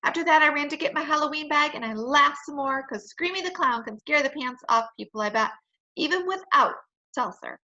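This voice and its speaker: A woman reads a children's chapter book aloud with playful, expressive storytelling. Her voice is high and bright. The recording is dull and lo-fi. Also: brisk.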